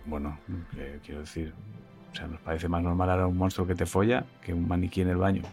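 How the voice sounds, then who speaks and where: Podcast co-host, deep gravelly voice, easygoing and musing, faint music behind. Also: male voice, flat delivery, fast talker, darkish tone. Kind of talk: casual chat.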